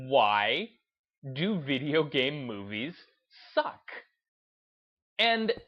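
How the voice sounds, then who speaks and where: This gaming video host speaks in a fairly high voice, talking off the cuff over gameplay without hurrying. Thoughtful and hesitant, he keeps circling back to rephrase things, while music plays behind a slightly dull-sounding recording.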